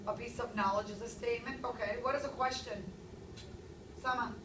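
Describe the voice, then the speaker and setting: A woman in her thirties teaching a classroom language lesson, speaking clearly and stressing key words. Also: a little high, fairly even intonation, a little fast, background noise. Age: 30s. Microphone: far camera. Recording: echoey classroom from far off.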